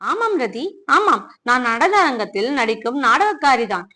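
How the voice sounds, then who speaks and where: A proud young dancer from a storybook tale, wounded and bitterly reproachful toward her beloved, voiced by a woman. The reader's fairly high voice carries her. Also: big pitch swings, normal speed, pushed and bright. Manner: bitter, reproachful, near tears.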